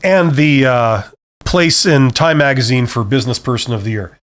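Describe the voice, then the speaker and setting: A man's voice: mid-range voice, normal speed. A middle-aged man hosting a live Q&A stream in a casual, joking way, reading out viewer questions and acting out what a boss might say. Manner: conversational and joking, reads questions aloud and acts out quoted speech. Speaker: host answering viewer questions.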